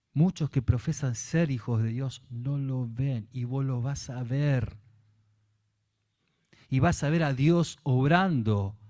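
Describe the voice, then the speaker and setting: Rioplatense male pastor, lively sermon delivery, acts out dialogue, medium pitch. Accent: Rioplatense Spanish. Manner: animated preaching, acting out biblical dialogue with voseo.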